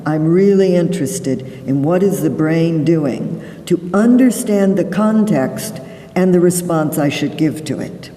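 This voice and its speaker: A woman psychologist giving a conference lecture, explaining deliberately and stressing key words. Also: on the low side, lively intonation, warm tone. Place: large conference hall. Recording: echoey hall, voice from far off the mic.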